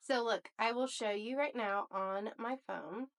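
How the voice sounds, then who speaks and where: A woman in her thirties co-hosting a casual podcast, animated and blunt with quick exclamations. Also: fairly high pitch. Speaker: podcast co-host. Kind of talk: casual chat.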